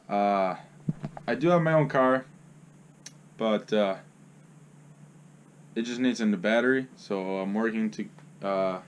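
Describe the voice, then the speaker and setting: A young male vlogger with a fairly low voice chats casually into an action camera held close, rambling with plenty of fillers and restarts. He starts out in his bedroom and later talks while driving his car, with slight background noise throughout.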